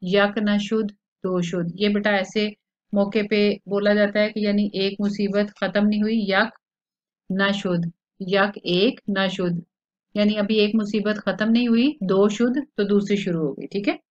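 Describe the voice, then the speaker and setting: A woman teacher explaining a play line by line to students, with frequent hesitant pauses. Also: mid-range voice, fairly even intonation. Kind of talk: explaining a literature lesson. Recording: dull lo-fi recording.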